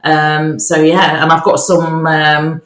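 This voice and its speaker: An Australian woman co-hosts a podcast, chatting in a casual, upbeat and cheerful way. Her voice is low and level and she speaks slowly, with soft background music, in a new bare office that sounds echoey.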